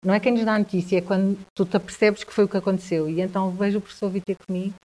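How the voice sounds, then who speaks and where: A woman with a European Portuguese accent, telling a personal story as a guest in a conversation, with halting speech, frequent restarts and repeated words. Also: medium pitch, fairly even intonation, dark tone.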